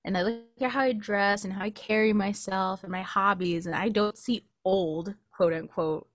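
Her medium-pitched voice stays steady at a normal speed, with no echo. She's a Californian podcast co-host in her late twenties, sharing personal stories and casual chat from a small home setup, speaking close to a studio mic fitted with a pop filter.

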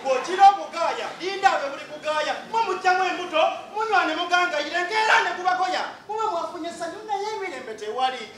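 A woman's voice: extremely high pitch, animated, quick pace, hardly any pauses, a bit bright, a faint crowd, slight background noise. A woman leading a poetry recitation in a large church hall, declaiming in a scolding, preaching tone. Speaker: lead poetry performer. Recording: echoey hall, mic far off.

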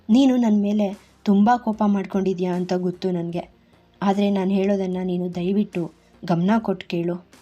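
A woman's voice: medium pitch, warm tone, muffled recording, close to an everyday voice. A woman voicing a troubled young man who pleads earnestly in a storybook reading.

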